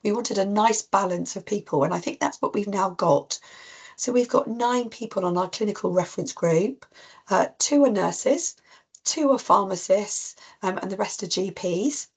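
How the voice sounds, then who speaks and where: A woman with a cold, husky and coughing, giving an informal online talk to practice teams with many ums and restarts. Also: medium pitch, normal speed. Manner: rambling with frequent ums and restarts. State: coughing, voice strained. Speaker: clinical lead presenting to practice teams. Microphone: video call.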